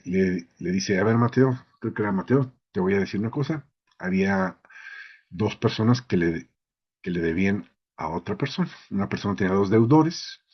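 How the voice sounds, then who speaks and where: A man preaching, in a low, slightly husky voice. He talks informally and keeps asking his listeners if they follow. The recording is dull and lo-fi. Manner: conversational, asks the listeners "¿sí?" often. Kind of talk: informal sermon.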